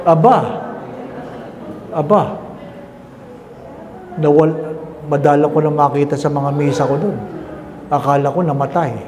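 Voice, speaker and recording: A man's voice: a little high, measured pace, pauses often, a crowd in the background. A male priest giving a playful, story-filled homily, then leading a closing prayer. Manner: storytelling, playful, switching into English. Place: chapel. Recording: echoey chapel with background noise.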